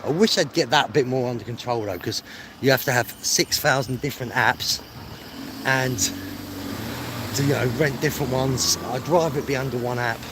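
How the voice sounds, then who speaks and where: Walking the streets outdoors, this English livestreaming travel vlogger has a mid-range voice and speaks at a normal speed. He rambles to his viewers in a friendly, matey manner, often poking fun at himself. Traffic and street sounds come through clearly.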